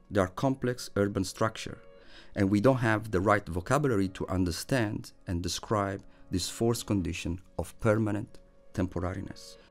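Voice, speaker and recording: A man reading a scripted, measured narration as a voice-over. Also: lowish voice, darkish tone. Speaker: presenter. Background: faint music.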